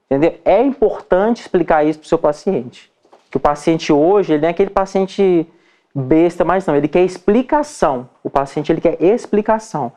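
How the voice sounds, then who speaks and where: A man's voice: on the high side, mellow. A man with a Brazilian Portuguese accent, a dermatologist teaching other doctors in an informal lecture, chatty and checking in with his listeners often. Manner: chatty, checks in with frequent "tá?" and "entendeu?"; acts out examples with shifting voice.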